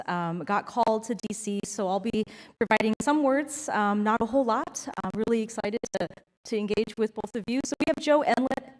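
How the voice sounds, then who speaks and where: A woman moderating a conference panel, friendly and chatty with a light joking manner. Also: a little high. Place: large conference hall. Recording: reverberant large hall.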